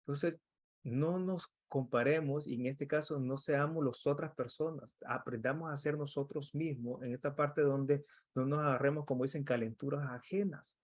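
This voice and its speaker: A man's voice: a little high, fairly even intonation, moderate pace. A middle-aged man from El Salvador, giving an earnest, conversational motivational talk as an emotional intelligence coach and acting out quoted dialogue.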